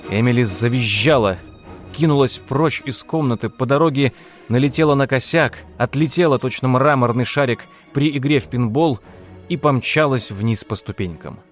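A man narrating an audiobook in a steady, measured reading style. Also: medium pitch, soft background music. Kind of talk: scripted narration.

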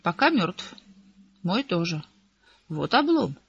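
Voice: medium pitch, very animated, slow pace, gravelly, fairly bright tone, slightly rough, full character voice. A reader voicing a faded, hard-drinking aristocratic lady who flirts coyly and speaks casually, in a slightly dull audiobook recording. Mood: flirtatious.

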